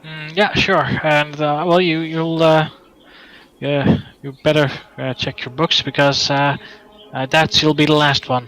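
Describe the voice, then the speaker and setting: A man playing in a tabletop game, talking in character hesitantly and trailing off quietly. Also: a little high, little pitch movement, measured pace, poor audio. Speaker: player. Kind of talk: casual tabletop role-play.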